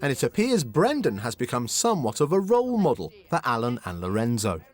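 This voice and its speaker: A man's voice: mid-range voice, huge pitch swings, brisk. A man narrating a reality show in a wry, scripted way.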